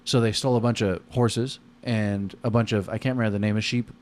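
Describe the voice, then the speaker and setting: A man's voice: lowish voice, fairly even intonation, fast, darkish tone. An American man in a casual, rambling chat, talking in slangy, profane language.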